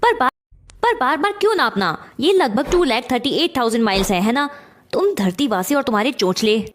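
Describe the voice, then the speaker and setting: A woman voicing a proud, touchy female planet Earth, boastful and theatrical, in an animated comedy dub. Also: sits high, brisk. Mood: haughty. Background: faint background music.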